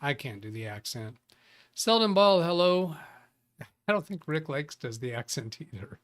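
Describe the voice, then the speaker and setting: With a fairly high, sing-song, fairly bright voice at a measured pace, this livestream tech show host chats casually with his audience. He greets viewers by name and often starts his sentences over.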